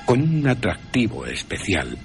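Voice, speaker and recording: A radio presenter from Spain narrates a film in a scripted, theatrical and wry style, doing character voices. His voice is lowish and unhurried, with wildly swooping pitch, and music plays in the background.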